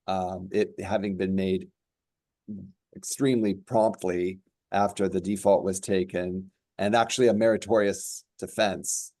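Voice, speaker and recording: A man who is a judge, speaking on a panel in a measured, halting way with many fillers. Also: low voice, dark tone, no room sound. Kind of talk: panel discussion remarks.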